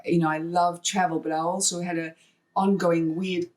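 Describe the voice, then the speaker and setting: This podcast guest, an artist and wildlife fundraiser from Hong Kong, has a somewhat dark, lowish voice with a level tone and normal speed. She recounts stories conversationally, acting out remembered exchanges along the way.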